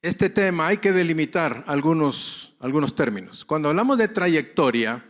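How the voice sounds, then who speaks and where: A man's voice: fairly high pitch, lively intonation, moderate pace. A male pastor giving a conference lecture to other pastors, repeating key phrases for emphasis and asking and answering his own questions.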